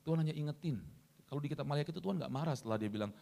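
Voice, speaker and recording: A man delivering a rapid-fire sermon in a slightly high voice. He keeps turning to the congregation for an amen. He jumps from ringing, raised emphasis down to hushed asides. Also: lively intonation, gravelly. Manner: swings between loud high emphasis and low quiet asides; keeps addressing the congregation and calling for amens. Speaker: pastor.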